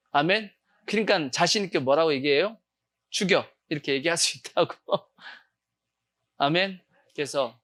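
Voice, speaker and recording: A man preaching a sermon as pastor of a church, asking his congregation questions, answering them himself, and sometimes breaking into loud acted shouts. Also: fairly high pitch. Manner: call-and-response questioning of the congregation. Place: church sanctuary.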